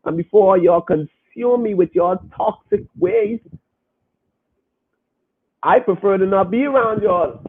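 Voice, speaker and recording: A high-voiced man hosts a podcast, offering casual commentary and reading listener comments while preaching straight at his audience and hammering his points home. He speaks slowly, with long pauses and a breathy edge, and his voice sounds thin and narrow, like it's coming over a phone.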